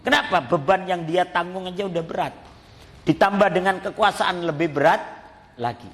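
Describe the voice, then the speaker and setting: A male preacher delivers a storytelling sermon and acts out the voices of his characters. His voice sits fairly high for a man. It rings with the long reverb of a mosque hall. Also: normal speed, fairly bright tone. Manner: storytelling, acts out quoted voices, addresses listeners as Pak.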